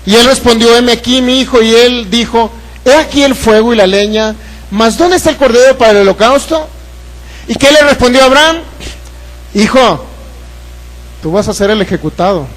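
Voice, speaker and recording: This male pastor, who has a Mexican Spanish accent, preaches in a very high-pitched, fairly bright voice at normal speed with long pauses, on a rough recording. He quizzes the congregation and dramatizes Bible scenes by performing their voices.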